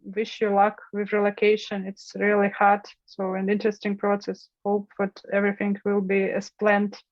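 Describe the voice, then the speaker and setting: A woman whose first language is Russian moderates an online workshop over a video call, speaking at a moderate pace in a monotone, medium-pitched voice. She is friendly and encouraging, prompting participants along. The call audio is dull and lo-fi, with no room sound.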